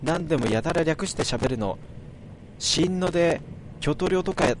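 A man reading aloud, voicing an excitable young friend with a chirpy, quick voice, with vehicle noise behind. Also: fairly high pitch, pitched above the performer's own voice, close to an everyday voice. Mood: playful.

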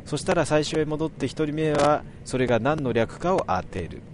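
A man voices a quick-thinking young friend in a storybook reading. The voice is brisk and decisive, pitched a little above his own. Vehicle noise runs steadily behind it. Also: animated, natural voice.

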